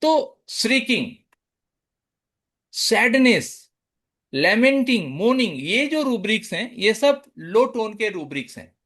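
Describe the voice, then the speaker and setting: High, lively male lecturer. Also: slow pace. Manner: mixes English terms into explanation; lively, acts out patient speech. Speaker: homeopathy lecturer. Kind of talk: online lecture.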